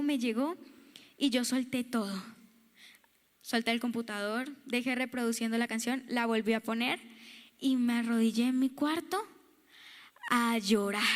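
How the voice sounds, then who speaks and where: A woman's voice: high-pitched, in a large hall. A young woman preacher sharing a personal testimony in a sermon, repeating words for emphasis.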